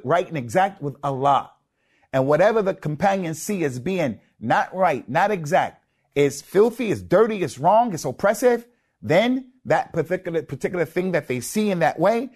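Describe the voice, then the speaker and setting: Emphatic preacher, higher voice. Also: male voice, darkish tone. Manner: emphatic, repeats key words, weaves in Arabic phrases. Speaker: Islamic preacher. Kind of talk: religious lecture.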